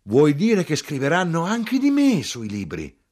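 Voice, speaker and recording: A man reading aloud and voicing an old Sicilian mother who is wary, easily startled and quick to exclaim. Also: big pitch swings, a little mellow. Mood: excited shouting. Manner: wary, then shrill and exclaiming.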